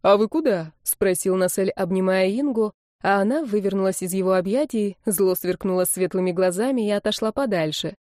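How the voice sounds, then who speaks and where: A woman narrating a young-adult novel in a lively, expressive way. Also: mid-range voice, fairly quick, few pauses, no echo, clean studio sound. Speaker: audiobook reader.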